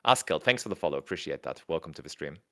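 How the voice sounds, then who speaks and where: A German-accented tournament co-commentator does casual livestream commentary, reading viewers' messages aloud, chatting with them and laughing often. His very deep, sharp voice is expressive and races along very fast.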